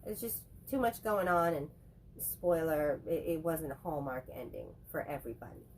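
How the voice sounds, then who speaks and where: Her voice sits low and sounds animated as she co-hosts a laid-back movie conversation despite a head cold. She wanders chattily from topic to topic and is quick with a joke.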